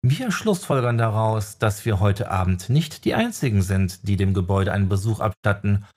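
A man voicing a sharp-tongued young woman necromancer in an audiobook, brisk and teasing. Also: lowish voice, expressive, breathy edge. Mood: urgent. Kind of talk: audiobook character voice.

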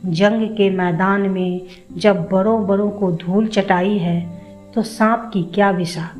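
Bragging old army uncle on a crutch, woman reading it, slow and drawn out, bit of music behind. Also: mid-range voice, fairly even intonation, darkish tone, natural voice, poor audio. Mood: boastful. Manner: bragging, storytelling. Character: boastful one-legged old soldier uncle.

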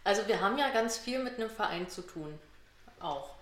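Female co-host, mid-pitched, wry and playful explainer in relaxed chat, recorded in a roomy, echoing space. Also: a little fast. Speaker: podcast co-host. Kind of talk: casual humorous chat, explaining terms. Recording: roomy, echoing room sound.

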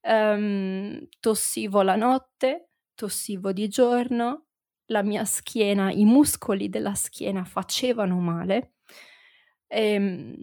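Woman, language teacher, slightly hoarse after flu, unhurried, dry close sound. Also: medium pitch, fairly even intonation, a little mellow, no echo. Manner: slow and deliberate, repeats and conjugates words for learners. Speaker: language teacher and podcast host. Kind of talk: spoken language lesson.

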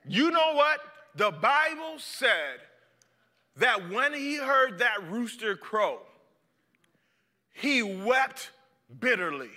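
A man's voice: extremely high pitch, sing-song, slow pace, long pauses, bright, forceful tone, big-room sound. A male preacher giving a dramatic, impassioned sermon and acting out the story.

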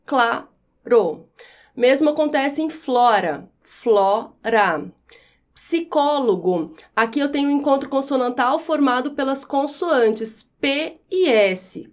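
A woman teaching a grammar lesson in a high, light voice. She explains step by step and says each example word slowly, with careful, clear enunciation.

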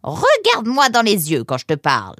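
A woman voicing a large, sly, motherly female fox in an audiobook, talking in a slow, coaxing way. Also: medium pitch, wildly swooping pitch, fairly bright tone, no room sound, clean studio sound. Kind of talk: audiobook character voice.

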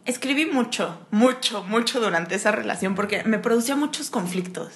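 A woman's voice: a little high, lively intonation, moderate pace. Mexican woman telling candid stories. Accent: Mexican Spanish. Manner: candid storyteller, acts out quotes. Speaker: podcast co-host. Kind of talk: casual chat.

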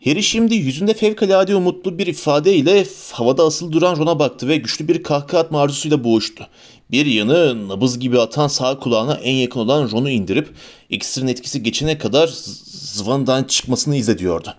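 A man narrating a fantasy novel aloud in a steady storytelling manner. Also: medium pitch, fairly quick. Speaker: audiobook narrator. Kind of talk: audiobook narration.

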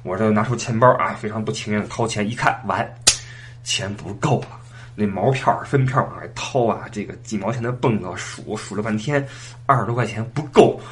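A man's voice: lowish voice, brisk, a little hiss or hum. A man telling a rambling, self-mocking comic monologue, full of stammered restarts. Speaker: comic storyteller.

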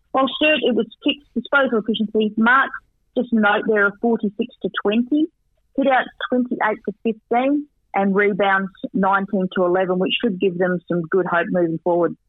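Man, high voice, chatty football analyst, tinny dry phone line. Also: no room sound. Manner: chatty, rattles off stats with asides. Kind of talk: radio sports recap and tips by phone.

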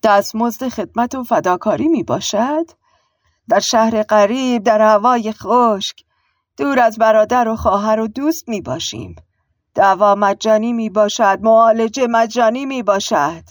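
A woman's voice: on the high side, big pitch swings, no echo, studio quality, pitched above the performer's own voice. A woman voicing a foreign lady doctor who talks in stiff, formal phrases. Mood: aggrieved. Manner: stilted formal wording.

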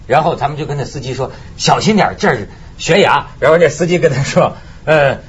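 A man's voice: fairly high pitch, expressive, quick pace, husky. A man hosting a talk show in casual chat, telling stories animatedly and laughing often. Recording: slightly muffled broadcast audio.

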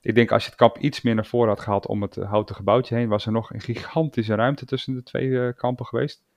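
A man's voice: medium pitch, steady tone, quick pace, a little mellow, no room sound. A man with a Dutch accent co-hosting a podcast, speaking hesitantly with frequent restarts and filler sounds. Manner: hesitant, restarts often, agreeable. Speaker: podcast co-host. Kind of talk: casual podcast discussion.

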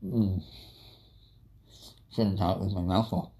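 Young guy doing a chill food review, low voice, talks slow, chewing and rambling. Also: sing-song, vocal fry, mellow, breathy edge. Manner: rambling, chatty, eats while talking. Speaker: vlogger. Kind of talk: casual food review vlog.

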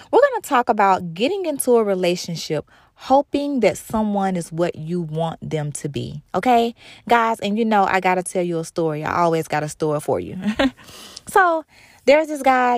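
A woman's voice: mid-range voice, big pitch swings, normal speed, dry recording, studio quality. Emphatic woman in her thirties. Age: 30s. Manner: candid and emphatic, repeats phrases for stress. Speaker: show host. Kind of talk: casual monologue.

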